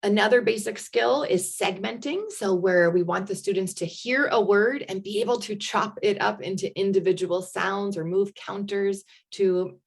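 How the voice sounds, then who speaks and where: Encouraging woman with a gravelly edge. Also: medium pitch. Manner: patient, encouraging teacher-like tone. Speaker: literacy presenter and mother. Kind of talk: educational presentation with phonics games.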